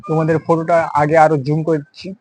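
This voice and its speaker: A man teaching a beginner phonics lesson. He says each word slowly, spells it out letter by letter, and asks the students to say it aloud after him. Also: on the high side, flat delivery, darkish tone, faint music behind, poor audio. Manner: addresses students directly, asks them to pronounce aloud. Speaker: English teacher.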